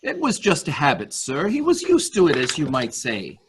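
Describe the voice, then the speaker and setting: This man's voice runs on the high side with huge swings in pitch and a moderate pace, with slight background noise behind it. He reads a murder mystery as the fawning, primly servile male nurse-attendant to a rich invalid, formal, halting and nervously proper.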